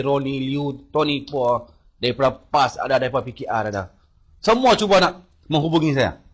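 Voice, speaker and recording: A Malaysian-accented man addresses a crowd in a public speech, telling his own story with emphasis. His voice is husky and a bit rough, and it sits at an ordinary middle pitch for a man. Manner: emphatic storytelling, mixes in English words. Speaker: speaker addressing a rally audience. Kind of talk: public speech, personal account.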